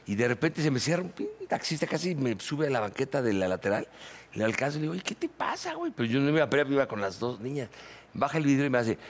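A Mexican man talks quickly in a mid-pitched voice, launching into an animated story. He swears freely and keeps the pace brisk. It sounds like a casual podcast chat among friends. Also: a little hiss or hum.

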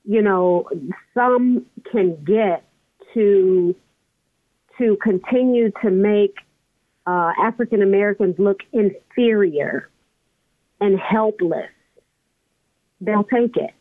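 A woman's voice: medium pitch, slow pace, pauses often. A female podcast co-host speaks with passion in a conversational way. She comes through a tinny, phone-like line that is dry with no room echo. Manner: impassioned, conversational. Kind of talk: podcast commentary.

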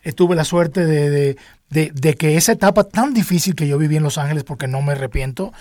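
A man's voice: fairly high pitch, a little fast, darkish tone, no room sound, studio quality. An older man from Cuba with a Cuban Spanish accent, a singer telling his life story in an interview, with many restarts and fillers. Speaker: guest singer.

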